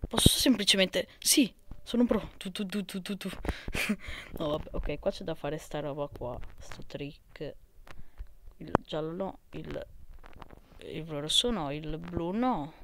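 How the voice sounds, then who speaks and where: A man's voice: on the high side, animated, unhurried. Emphatic young Italian man, very noisy recording. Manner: emphatic, exclamatory, slangy complaining. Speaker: gamer recording gameplay for videos. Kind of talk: casual gameplay commentary. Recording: very noisy mobile screen recording with clicks.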